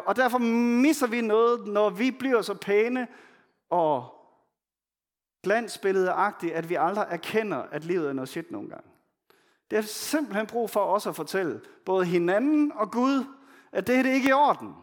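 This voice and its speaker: A man preaching a sermon in a frank, conversational way, reading scripture passages slowly and softly between his own blunt comments. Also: sits high, expressive. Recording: long hall reverb.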